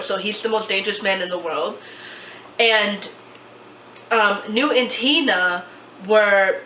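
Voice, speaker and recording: A woman's voice: mid-range voice, a bit bright, roomy sound, a little hiss or hum, poor audio. A congested woman co-hosting a casual fan chat, talking in a giggly, chatty way. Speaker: co-host. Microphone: camera on tripod on a table.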